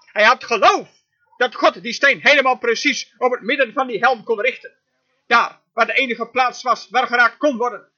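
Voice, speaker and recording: Guy with a really high bright voice doing an emphatic sermon voice-over, lots of amens. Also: steady tone, moderate pace, lo-fi sound. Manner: emphatic preaching, frequent amens. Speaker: sermon interpreter.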